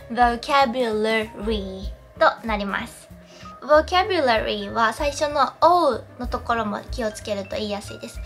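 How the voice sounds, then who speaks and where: A young woman teaching English pronunciation in a clear explanatory tone, saying English model phrases slowly and carefully. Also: a little high, a bit bright. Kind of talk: pronunciation lesson.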